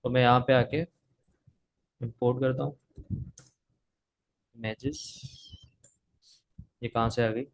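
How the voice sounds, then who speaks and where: Speaking slowly with vocal fry and frequent pauses, this Pakistani man teaches coding live on a video call. His mid-range voice has fairly even intonation, and he coughs from a sore throat. He types as he talks and keeps asking "theek hai" to check in.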